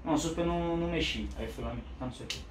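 A man tells a story at a fast clip, slightly high-pitched, acting out both sides of each exchange. He sits some way from the mic in a roomy space with faint background hum. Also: distant mic. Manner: animated, acts out both sides of conversations. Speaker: motorcycle vlogger. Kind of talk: casual storytelling.

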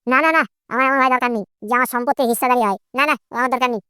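A woman's voice: high-pitched, fairly even intonation, very fast, pushed and bright, clear, resonant tone, dry recording, studio quality. A woman voicing a sulky, bratty grown son in a cartoon, whining and complaining about his family. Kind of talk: comic Bengali cartoon voice acting.

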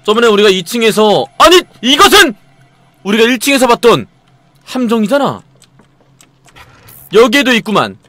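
Lively high-voiced man playing a horror game. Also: normal speed, long pauses, no room sound. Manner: jumpy, exclaims and mutters while playing. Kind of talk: live game commentary.

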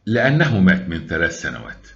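A man voicing a calm, loyal middle-aged friend who speaks in a measured, reassuring way, in a storytelling read-aloud. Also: deep voice, highs cut off, full character voice.

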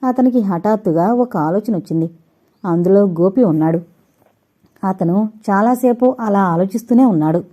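A woman narrating an audio novel in a steady, measured reading. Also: mid-range voice, highs cut off.

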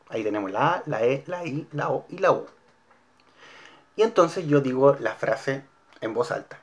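Calm Chilean man teaching singing. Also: a little high. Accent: Chilean Spanish. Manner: calm, clear instructional delivery with demonstrated vowels. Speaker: school music teacher. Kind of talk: recorded singing lesson for students.

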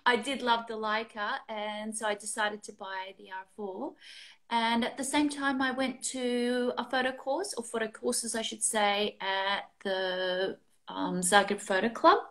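Chatty Australian woman on a video call. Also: fairly high pitch. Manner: chatty and relaxed, laughs often between thoughts. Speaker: interview guest, photographer. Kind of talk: casual video-call interview. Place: room at home, indoors. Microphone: video call, built-in mic.

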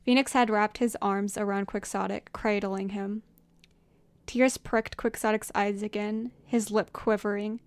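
A woman reading a story aloud as narrator, in a measured, expressive way. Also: mid-range voice, smooth, no room sound. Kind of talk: fan fiction audiobook reading.

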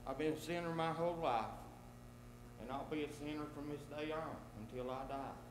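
A man in his sixties giving a plain, earnest testimony in a church, halting now and then with fillers. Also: on the high side, steady tone. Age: 60s. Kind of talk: spoken testimony. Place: church sanctuary. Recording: echoey church with mains hum.

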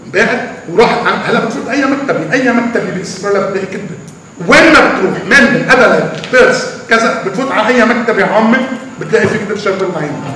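A man's voice: high voice, animated, rapid-fire, sharp tone. Older man, echoing hall. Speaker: poet being interviewed. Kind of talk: animated storytelling answers. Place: large echoey hall. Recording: echoey hall from far off, faint noise.

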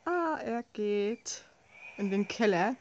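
A woman's voice: mid-range voice, lively intonation, takes it slowly, a little mellow, dull audio, a little hiss or hum. A woman giving casual, wry, sarcastic commentary as she plays a horror game. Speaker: let's play host.

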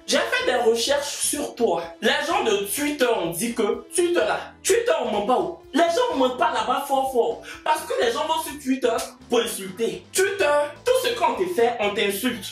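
A woman's voice: a little high, very animated, normal speed, few pauses. A woman delivering a heated, mocking reaction rant. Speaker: vlogger. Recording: echoey room with faint music.

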